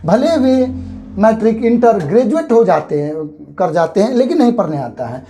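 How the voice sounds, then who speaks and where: A man's voice: high-pitched, big pitch swings, moderate pace, warm tone. A man teaching grammar for exams, repeating key points and drilling letter sounds one by one. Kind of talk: classroom-style exam lesson.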